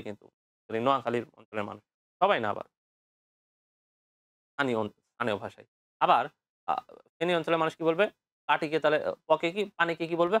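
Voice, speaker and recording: A young man teaching an online exam-prep biology lecture, quizzing and answering his own questions in a lively, repetitive way. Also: fairly high pitch, dry recording. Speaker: biology tutor.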